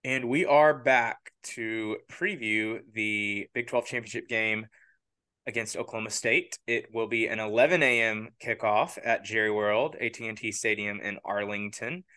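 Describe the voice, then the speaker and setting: A man with a bright, forceful voice co-hosts a casual football podcast. He steers the conversation into new segments and keeps asking pointed questions. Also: lowish voice, measured pace, clear, resonant tone. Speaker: podcast co-host. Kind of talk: casual sports chat.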